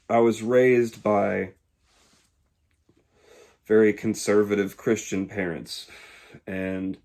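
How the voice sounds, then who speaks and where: Halting, low-voiced young man. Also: darkish tone. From Georgia, USA. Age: 20s. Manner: halting, reflective, pauses often. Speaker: YouTuber. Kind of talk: casual monologue to camera.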